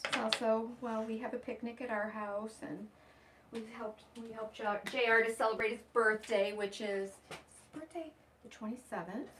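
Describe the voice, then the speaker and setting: A woman's voice: on the high side, fairly even intonation, moderate pace, a bit bright. An older woman demonstrating furniture painting live in a shop basement, chatting as she works. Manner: chatty, explains steps while working. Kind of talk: live how-to demonstration and chat. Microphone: far camera. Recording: distant voice, faint room noise.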